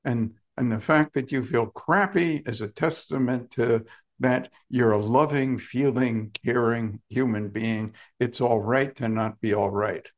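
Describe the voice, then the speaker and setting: A man, a guest author, telling a story in a lively, emphatic way with blunt, salty asides. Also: mid-range voice, measured pace. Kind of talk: conversational storytelling.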